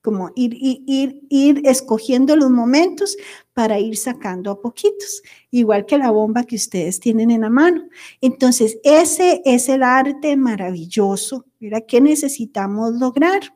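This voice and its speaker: A woman's voice: a little high, lively intonation, measured pace, dark tone. A woman, perhaps in her thirties, leading a workshop on emotions in a conversational way and often checking in with her listeners. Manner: conversational, tags sentences with a questioning aside. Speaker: workshop facilitator. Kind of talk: talk to a group on handling emotions.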